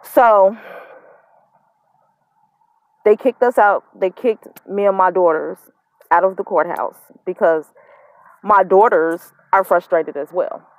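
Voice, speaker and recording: Slow-talking frustrated mother, dry sound. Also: medium pitch, no room sound, narrow, tinny audio. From not from Mississippi, lived up north. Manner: frustrated, emphatic, repeats points to the audience. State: emotional, holding back tears, smoking. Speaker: mother telling her custody story. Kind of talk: casual direct-to-camera vlog.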